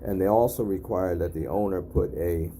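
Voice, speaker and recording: Standing at a building's entry intercom panel, a man documents a test of it in a casual on-site demo. His low, mellow voice moves at a normal pace, repetitive and matter-of-fact, frequently dropping in quick tag questions.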